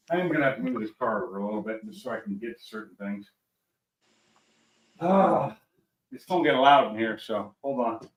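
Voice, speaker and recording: A man hosting a casual video-call chat from his home garage, plain-spoken and quick to grumble about his connection. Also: mid-range voice, a bit bright, slight background noise, poor audio. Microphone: laptop on a video call.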